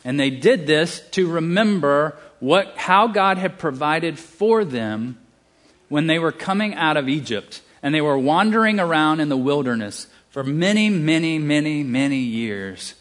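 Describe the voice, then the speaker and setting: A man's voice: a little high, animated, a little slow, fairly bright tone. A man with a Southern US accent preaching a sermon, emphatic, with casual asides and restarts.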